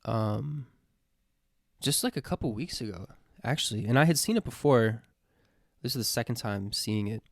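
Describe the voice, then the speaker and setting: A man's voice: medium pitch, animated, normal speed, dry recording. Earnest rambling young man, dry close sound. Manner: rambling, hesitant, many fillers and restarts; sincere, earnest, swears casually. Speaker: vlogger answering his own question list. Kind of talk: casual reflective monologue.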